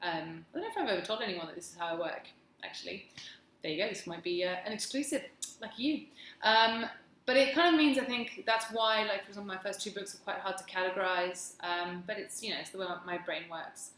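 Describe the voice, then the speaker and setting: Fairly quick and a little bright, her mid-range voice carries a posh English accent as she chats to camera. The English video blogger rambles with wry self-deprecation, in an echoey space with slight background noise.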